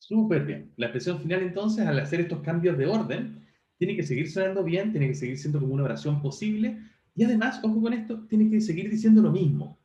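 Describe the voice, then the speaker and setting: A man teaches a class over a video call, often pausing to ask whether his students follow. His voice is mellow but rises and falls in a lively, animated way. The call audio is roomy and a bit dull. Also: high-pitched. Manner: questioning, checks understanding often. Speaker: university teacher. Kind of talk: online class review.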